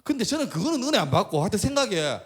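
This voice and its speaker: A man's voice: high-pitched, racing, breathy edge. A middle-aged man preaching a storytelling sermon as pastor and school chaplain, acting out the voices of the people he quotes. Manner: animated, acts out quoted voices. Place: church sanctuary.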